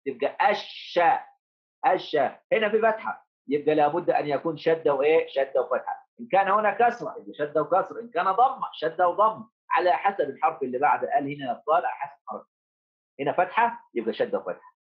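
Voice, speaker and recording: Teaching children remotely, a male primary school teacher speaks very fast in a fairly high, animated voice. He coaxes the pupils, addressing them as heroes, repeats key points, and poses questions he then answers himself. The sound is lo-fi.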